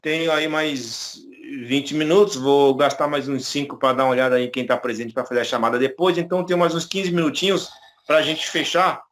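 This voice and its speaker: Teaching an online electronics class, a man with a Brazilian Portuguese accent explains things patiently and checks in often with his students, using many "tá?" and "né?" tags. His voice sits on the high side, steady and fairly bright, at a slightly fast pace.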